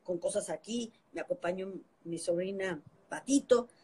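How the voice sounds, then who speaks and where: Animated Mexican woman telling a story. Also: medium pitch, moderate pace, husky, rough recording. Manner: animated anecdote-telling, laughing often, acting out quoted voices. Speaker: singer telling a story on a live stream. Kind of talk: casual storytelling on a phone live stream. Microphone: phone.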